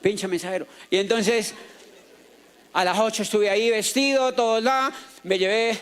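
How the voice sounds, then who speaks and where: A man's voice: high voice, normal speed, smooth. A man with a Colombian accent speaking as a motivational speaker, telling a story to a live audience and acting out the people in it, with jokes. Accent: Colombian Spanish. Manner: lively storyteller who acts out the people in his story, joking with the crowd. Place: auditorium.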